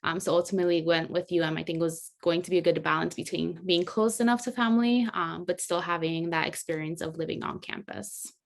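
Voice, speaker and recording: A woman's voice: fairly low pitch, fairly even intonation, a little fast, vocal fry, hardly any pauses. A woman in her twenties, originally from Colombia and raised in South Florida, answering interview questions in a modest, reflective way. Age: 20s. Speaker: guest, graduate student.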